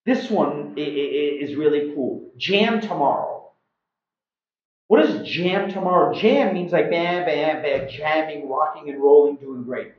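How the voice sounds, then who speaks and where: A middle-aged man from Iran, an English teacher and video host, gives an informal slang lesson to camera from a small room at home. He's animated and emphatic, acting out examples, with a slightly high voice and a slightly slow pace. The sound is roomy and a little dull.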